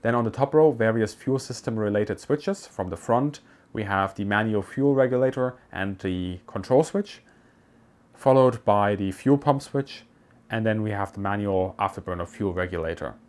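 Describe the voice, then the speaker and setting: Low-voiced man narrating a guided tour. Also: a little mellow. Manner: measured, explanatory walkthrough. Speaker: presenter. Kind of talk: scripted documentary narration. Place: voice-over, not recorded in the pictured cockpit.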